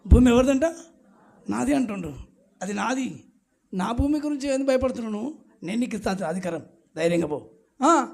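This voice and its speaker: A man's voice: very high-pitched, lively intonation, fairly quick, gravelly, pauses often. A man preaching an emphatic sermon at a church night service, urging the congregation to call back answers aloud.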